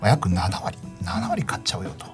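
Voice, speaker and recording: Animated male financial commentator over music. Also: on the low side, brisk. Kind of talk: conversational market commentary. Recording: music behind the voice.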